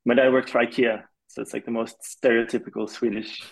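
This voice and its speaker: In a poorly recorded interview, a young man raised in Malaysia who composes for film speaks fairly quickly in a medium-pitched voice with vocal fry. He stays relaxed and casual, rambling with plenty of "like" fillers.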